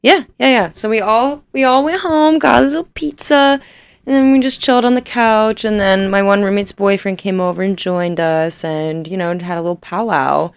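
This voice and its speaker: A woman's voice: mid-range voice, moderate pace, smooth, no room sound. A young woman in her twenties telling a rambling, self-deprecating story in casual chat, laughing often and swearing freely.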